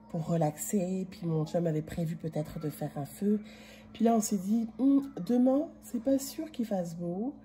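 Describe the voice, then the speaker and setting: A woman's voice: lowish voice, mellow, a little hiss or hum. A woman vlogger with a Quebec French accent, short of breath and coughing, chatting casually and rambling to a phone camera propped in a chalet kitchen. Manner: rambling, chatty, many fillers. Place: kitchen of a rented chalet, indoors. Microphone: phone camera propped in a cupboard.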